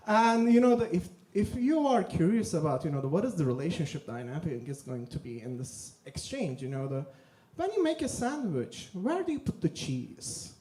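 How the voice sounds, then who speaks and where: A stand-up comedian from Turkey with a Turkish accent, telling deadpan jokes in a halting way with many fillers on a theater stage. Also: male voice, high voice. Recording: echoey theater room.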